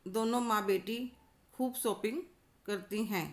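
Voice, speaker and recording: Calm woman storyteller. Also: mid-range voice, measured pace. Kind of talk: scripted story narration.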